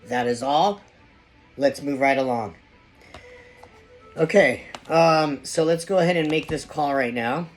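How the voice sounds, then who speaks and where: A man gives an informal opinion monologue in a voice a bit higher than usual. He stops and restarts, repeating phrases for emphasis. Music plays faintly behind him. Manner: halting, repetitive, emphatic. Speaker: video host.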